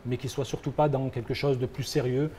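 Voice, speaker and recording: A young man from France, guesting as the founder of a football agency, talks a little fast in a warm, medium-pitched voice that barely moves in pitch. He answers the interview hesitantly, with plenty of fillers and restarts, and there's a little hiss or hum.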